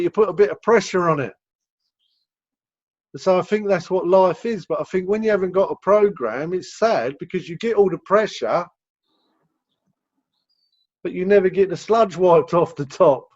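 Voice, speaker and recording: A man's voice: high voice, a little mellow. A man with an English accent answering questions as a rehab director on a video call, explaining at length and repeating words as he goes. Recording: dull lo-fi video call audio.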